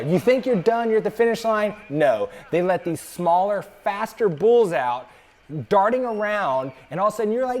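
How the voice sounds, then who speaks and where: An excitable young man with a somewhat high-pitched voice tells a story straight to camera. He is animated and dramatic, acting out other people's cries and lines as he goes. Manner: excitable, acts out screams and quotes. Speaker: travel vlogger.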